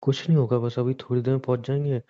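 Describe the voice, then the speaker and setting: A man's voice: medium pitch, level tone, fast, highs cut off, natural voice. A man playing a stressed young husband who insists and reassures, sometimes flustered, in a scripted audio drama. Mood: insistent. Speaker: husband in a phone-call drama.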